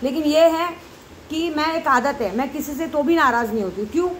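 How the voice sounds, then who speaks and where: A high-pitched woman carrying talks straight to her followers. She goes round in circles, emotional and repetitive. Faint background noise sits under her voice. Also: brisk, rough recording. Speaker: devotee leading night prayers. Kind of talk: casual monologue to followers.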